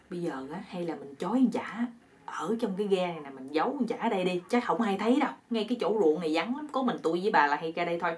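A scheming village woman murmurs her plan in a low, half-whispered voice, as a woman storyteller puts her on. She sounds conspiratorial, speaking as if she fears being overheard in a comic folk tale. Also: close to an everyday voice.

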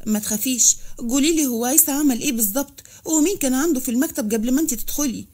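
A woman's voice: sits high, very fast, warm tone. A woman voicing a male office manager in an Egyptian accent who placates and persuades. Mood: urgent.

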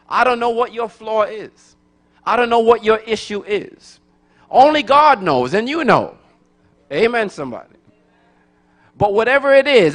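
With a high voice and fairly bright tone, a middle-aged guest preacher from Brooklyn, New York, gives a church sermon into a handheld microphone. He works the congregation in call-and-response fashion, repeating phrases, asking for answers and rising to emphatic.

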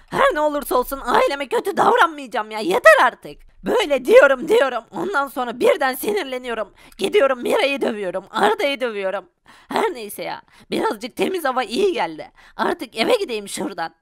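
A woman's voice: sits high, creaky, a bit bright, no room sound, studio quality, heavily acted. A woman voicing a confused, moody poor father in a Minecraft parody, fretting aloud to himself. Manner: fretful, talking to himself.

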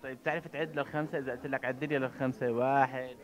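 Rapid-fire Syrian TV reporter. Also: male voice, medium pitch, level tone, low-quality recording. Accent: Syrian Arabic. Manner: playful and coaxing with kids, warm and formal with adults. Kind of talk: street interview. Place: busy indoor children's clothing shop. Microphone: handheld reporter mic. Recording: crowd chatter behind.

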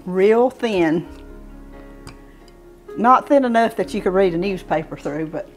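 Here a Southern US woman in her sixties, host of a home cooking show, gives an informal cooking demonstration indoors in her home kitchen. Speaking through a clip-on lapel mic, her mid-range voice is lively in intonation yet unhurried as she folksily explains each step while working, with faint music behind.

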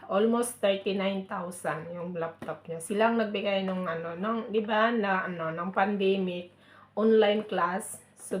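A woman from the Philippines chatting casually in a vlog as she opens gifts, giggling and repeating herself. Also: medium pitch. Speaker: vlogger. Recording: echoey room with faint noise.

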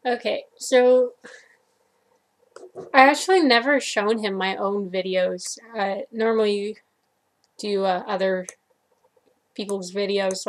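A young woman vlogging to her webcam from her computer desk at home, chatty and cheerful, cooing now and then at her dog. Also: medium pitch. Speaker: vlogger and violinist. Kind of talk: casual chat to camera.

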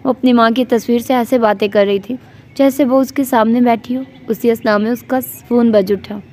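A woman's voice: a little high, steady tone, moderate pace, warm tone. A woman reading a romantic novel aloud as an audiobook, speaking both the narration and every character's lines herself. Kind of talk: storytelling narration with character voices.

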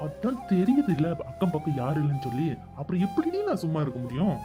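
A woman's voice: low voice, very animated, quick pace. A woman voicing Kathir, a playful, devoted young man in a cartoon, coaxing, teasing and protective. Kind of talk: cartoon voice acting. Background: background music.

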